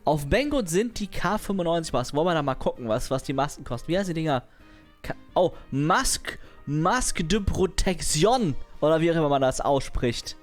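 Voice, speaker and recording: A man's voice: on the high side, animated, fairly quick, soft background music. A young man chatting casually on a livestream, rambling in slangy, crude language and laughing often.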